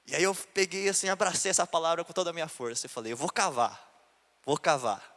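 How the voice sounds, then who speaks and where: During a sermon testimony, this Brazilian pastor relates his own experiences and acts out quoted voices. He is a fast talker with a slightly high, a bit bright voice, recorded amid the long reverb of a church hall.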